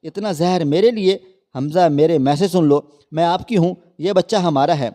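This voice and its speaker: Brief: man voicing a young wife pleading with her husband, mellow higher voice, storybook read. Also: big-room sound, natural voice. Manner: pleading, emotional. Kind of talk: storybook narration.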